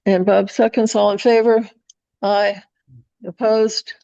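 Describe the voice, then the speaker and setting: Lady chairing a meeting, lots of vocal fry, informal, kinda muffled recording. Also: mid-range voice, level tone, takes it slowly, mellow, no echo. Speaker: committee chair.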